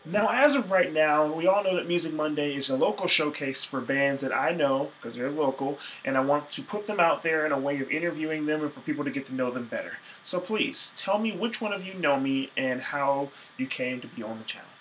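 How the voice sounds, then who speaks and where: A tired young man vlogs straight to camera from a small bedroom, his voice sitting a little high. He sounds chatty and playful. There is a faint hiss of background noise. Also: a little fast, hardly any pauses, fairly bright tone. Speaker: music vlogger interviewing a band. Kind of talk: casual vlog talk to camera. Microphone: camera mic at close range.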